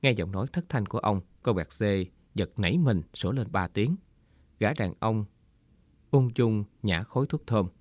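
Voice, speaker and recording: A man narrating a short story in a measured, solemn storytelling voice. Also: fairly low pitch, expressive, dry recording. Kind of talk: scripted audiobook narration. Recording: dry studio with faint guitar music.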